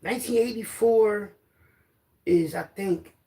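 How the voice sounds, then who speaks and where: Speaking slowly with a warm tone and a voice that sits high, a middle-aged guest from Philadelphia rambles through loose street stories in casual slang, judging by his accent.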